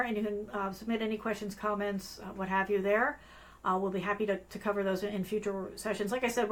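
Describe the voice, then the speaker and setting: A woman's voice: medium pitch, fairly bright tone. A woman hosting a live online tutorial, losing her voice, chatty and apologetic, with lots of fillers and restarts. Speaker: host of a live business analyst show. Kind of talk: casual live-stream tutorial.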